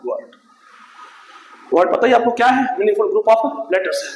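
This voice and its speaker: A man with a strikingly high voice teaches a grammar lesson. He keeps asking questions and answering them himself, repeating each key term. The sound bounces around an echoey room. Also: normal speed. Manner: asks and answers his own questions, repeats key terms. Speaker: English teacher. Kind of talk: classroom lecture in Hindi.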